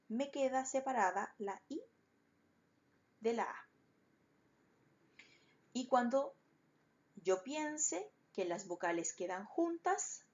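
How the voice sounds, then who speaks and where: A woman's voice: a little high, a little mellow, highs cut off. A woman teacher explaining a lesson patiently, step by step, to schoolchildren. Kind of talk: recorded online class.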